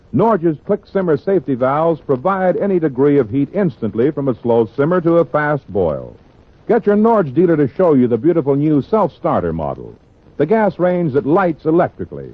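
A man working as a radio announcer and straight man, husky, in an old-time announcing and banter style. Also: a little high. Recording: tinny old radio recording, faint crowd.

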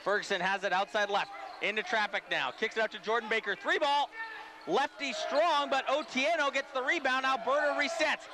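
A man calling basketball play-by-play, rapid and excitable as he follows the action. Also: very high-pitched, background noise. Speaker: play-by-play commentator.

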